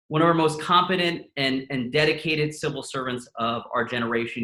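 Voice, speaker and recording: A man's voice: medium pitch, bright, forceful tone, reverberant, rough recording. A man hosting a live benefit event, joking and self-deprecating between earnest remarks. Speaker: host.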